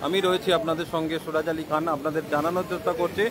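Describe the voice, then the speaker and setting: A man giving live news commentary, repeating details and pausing as he explains, outdoors with wind on the mic. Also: on the high side, flat delivery, a crowd in the background. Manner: repetitive explanatory delivery with hesitant pauses. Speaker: live reporter. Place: outdoors on a sea beach. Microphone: mobile phone. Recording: noisy outdoor live stream, roaring sea wind. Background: roaring waves and wind.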